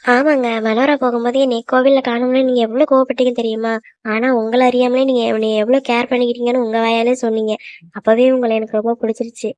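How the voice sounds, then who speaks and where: A woman voicing a shy, sweet young woman in love in a cartoon, speaking gently and reassuringly. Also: on the high side, level tone, quick pace, dry recording, close to an everyday voice. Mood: fond. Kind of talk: cartoon voice acting. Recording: dull lo-fi, dry.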